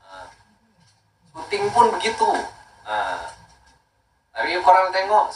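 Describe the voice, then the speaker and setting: A skincare brand owner in his thirties from Makassar, Indonesia, gives a casual promotional talk, speaking emphatically, repeating points and mixing in English words. His voice is a little high and a bit bright. The low-quality recording sounds roomy, with the mic far away and slight background noise.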